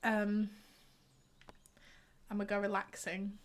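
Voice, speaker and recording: Streaming a game, this young Yorkshire woman, her accent light, offers casual commentary, chatting and letting out playful sighs. She speaks in a mid-range monotone and takes her time.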